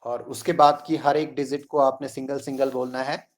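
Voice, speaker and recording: A man teaching an online math class in a slow, deliberate way, reading out numbers digit by digit. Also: mid-range voice, level tone.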